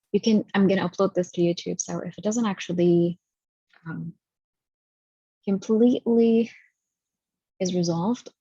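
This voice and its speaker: A woman hosting a guided healing session over a video call, talking haltingly and stopping to gather her thoughts. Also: lowish voice, dark tone, breathy edge, no room sound. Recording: dull lo-fi audio.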